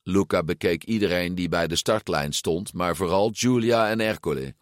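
Male storyteller, slow, expressive, lowish voice, dry close sound. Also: smooth, dry recording. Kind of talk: storybook read-aloud narration.

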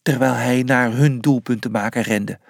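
A storyteller reading a children's animal adventure aloud with lively expression. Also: mid-range voice, moderate pace, gravelly, dry recording, studio quality.

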